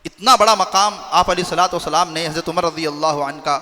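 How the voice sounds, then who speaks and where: A man's voice: on the high side, fast talker. A man preaching a religious sermon, telling a story with impassioned, dramatic delivery. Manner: impassioned, rising to loud declamation in quoted speech. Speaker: mufti preacher. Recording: long hall reverb.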